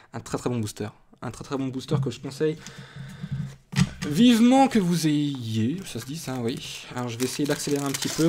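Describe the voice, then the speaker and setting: A man talks in a loose, conversational way, reading off card names one after another. He wanders into side remarks and teases himself for small mistakes. His voice sits at an ordinary middle pitch. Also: darkish tone. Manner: chatty and rambling, listing card names, self-deprecating asides. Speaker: YouTube card-opening host. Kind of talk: casual booster-opening commentary.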